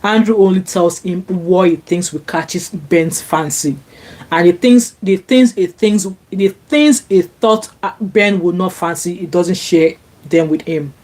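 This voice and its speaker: With a lowish, slightly mellow voice and a somewhat slow pace, a Nigerian woman who grew up speaking Yoruba goes through viewer comments on her live stream. She is chatty, often using fillers and starting over, and gets louder when indignant. She records at home in sunny Glasgow on a laptop.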